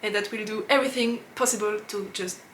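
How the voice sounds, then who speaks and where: Her mid-range voice is steady and a bit bright, carrying a French accent, with a little hiss or hum in the recording. She hosts a knitting podcast and chats casually to camera. Frequent laughter and filler-filled pauses mark her search for English words.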